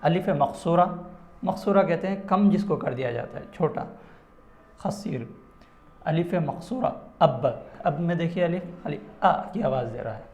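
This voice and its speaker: Guy teaching a language class, higher voice, draws out the example words, roomy echo. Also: animated, darkish tone. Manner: slow, patient, stretches out example words. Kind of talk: Urdu phonetics lesson.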